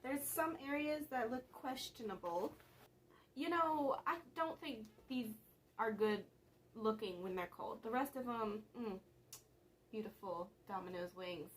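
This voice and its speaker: A woman's voice: fairly high pitch, measured pace, a little hiss or hum. A young woman vlogger chatting casually and rambling a little, with laughs between thoughts. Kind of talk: casual vlog chat.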